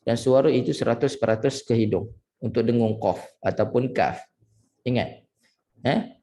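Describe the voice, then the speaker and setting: A man with a Malaysian Malay accent teaching tajwid, correcting pronunciation and slowly drawing out and repeating Arabic syllables. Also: medium pitch, mellow. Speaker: Quran recitation teacher.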